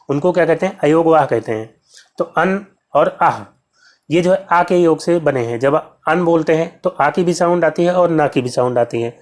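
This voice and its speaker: Teacher explaining step by step, asking and answering himself. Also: male voice, a little high, darkish tone. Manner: explains step by step, asks and answers his own questions; repeats sounds slowly to show pronunciation. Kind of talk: exam-prep grammar lesson.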